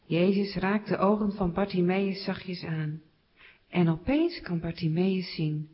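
A woman telling a Bible story to children in simple, clear words. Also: on the low side, measured pace. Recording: slightly dull recording.

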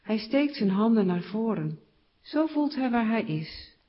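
A woman telling a Bible story to children in simple, clear words. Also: on the high side, sing-song, a little slow. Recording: slightly dull recording.

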